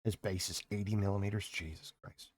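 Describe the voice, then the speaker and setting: A man's voice: lowish voice, fairly even intonation, fairly quick, a little mellow, no room sound. A man chatting casually on a live stream, rambling and exclaiming to his viewers.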